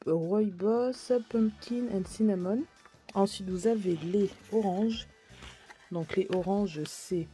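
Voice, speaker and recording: A woman with a lowish, mellow voice talks casually through a shopping haul, full of hesitations and fillers. Soft music plays faintly behind her. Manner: chatty, many fillers and restarts; apologetic about her English pronunciation. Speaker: vlogger.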